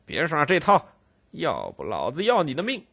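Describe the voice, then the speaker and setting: A stern constable barks his orders loudly and curtly, his voice pitched a little higher and harder than the narrator's. A man puts him on while reading a storybook. He sounds flat-out unmoved, firm and cold. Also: moderate pace. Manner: curt, unmoved, loud and firm.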